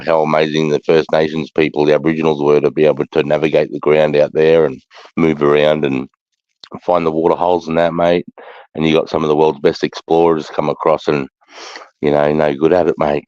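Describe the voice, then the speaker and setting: A man's voice: rumbling low, a little mellow. A man chatting casually on a livestream in a blokey, slangy way with heavy swearing. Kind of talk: casual chat. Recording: muffled, roomy livestream audio.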